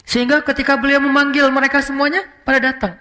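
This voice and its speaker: A male preacher telling a story in a casual, conversational sermon. He drops English words into his talk and retells events with lively asides. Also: extremely high pitch, fast. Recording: long hall reverb.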